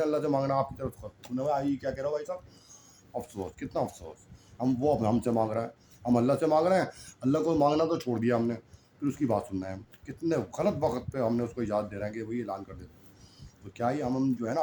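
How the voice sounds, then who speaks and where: A man's voice: medium pitch, dark tone, a little hiss or hum. A man preaching a sermon, admonishing his listeners with rhetorical questions and repeating lines for emphasis.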